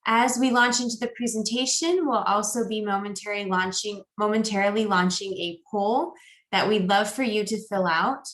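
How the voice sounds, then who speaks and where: A woman's voice: medium pitch, normal speed, fairly bright tone, reverberant. An American woman, a program director, welcoming attendees to an online workshop in a friendly, upbeat way. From United States.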